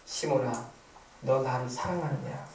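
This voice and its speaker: A tender, loving divine master speaks low and slow, as a man puts him on in a sermon. The voice drops to a near hush. It rings through an echoey church hall, picked up from some way off the mic. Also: creaky, recorded from a distance, a little hiss or hum, natural voice. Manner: slow, soft, hushed.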